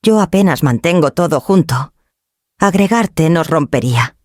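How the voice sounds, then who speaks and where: A woman's voice: low-pitched, expressive, a little slow, darkish tone, dry recording, studio quality. A woman voicing a cold, dismissive adult daughter who speaks curtly and impatiently in a story reading. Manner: curt, impatient.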